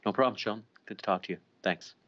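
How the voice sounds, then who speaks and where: A man who is a senior police official answering interview questions in a deliberate, official way, pausing with fillers. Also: fairly low pitch, fairly bright tone, dull audio, slight background noise. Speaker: police deputy commissioner.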